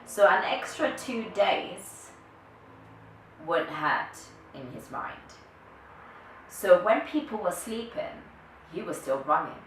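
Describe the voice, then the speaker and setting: A woman's voice: mid-range voice, big pitch swings, slow, long pauses, fairly bright tone. A woman vlogger giving an earnest motivational talk to camera, thinking aloud with restarts. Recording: echoey room, distant from mic, faint noise.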